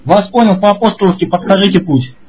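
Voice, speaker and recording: A man's voice: high-pitched, fast, breathy edge, dull audio. A man working as a train driver, talking over a two-way radio in formal, clipped protocol and repeating orders back. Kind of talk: railway radio exchange.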